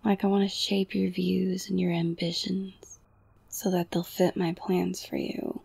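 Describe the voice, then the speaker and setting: Slow, husky whispering young woman. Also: fairly low pitch, flat delivery, no echo. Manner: intimate close whisper, slow and soothing; softly domineering, coaxing. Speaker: audio roleplay performer. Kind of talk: whispered ASMR girlfriend roleplay.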